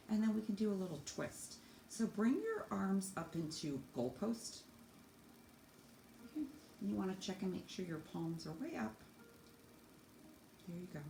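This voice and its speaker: A woman teacher with a lowish, darkish voice and vocal fry walks children through yoga stretches, demonstrating while she explains. She gives simple, encouraging cues one step at a time, in an echoey room with faint background noise.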